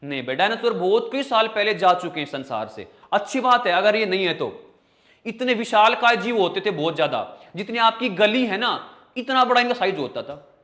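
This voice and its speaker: A man teaching English vocabulary in an exam-prep lesson, joking with students and slowly sounding out spellings syllable by syllable. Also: high voice, lively intonation, a bit bright. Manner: playful, jokey, drags out spellings slowly syllable by syllable; calls students "bhai" and "beta".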